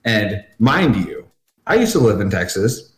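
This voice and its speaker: A man's voice: fairly low pitch, sing-song, measured pace. A young man co-hosting a casual podcast, joking and self-deprecating. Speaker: podcast co-host. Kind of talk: casual chat. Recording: echoey room.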